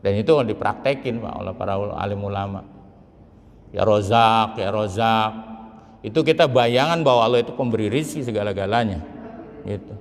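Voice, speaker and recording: A middle-aged man preaching a lively mosque sermon, joking with the congregation. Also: on the low side, fast, gravelly. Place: large mosque hall. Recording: reverberant mosque hall.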